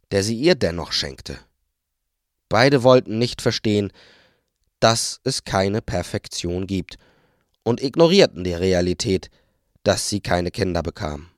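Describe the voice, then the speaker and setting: A man narrating an audiobook in a calm, measured storytelling manner. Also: lowish voice, dry recording, studio quality. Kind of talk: audiobook reading.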